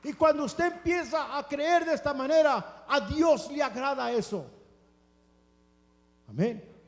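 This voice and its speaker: A man preaching a fervent church sermon, calling listeners brothers and building up to shouts. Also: very high-pitched, expressive, a little slow. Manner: impassioned, rising to shouts, addresses listeners as brothers. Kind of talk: Pentecostal sermon. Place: church sanctuary. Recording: long church hall reverb.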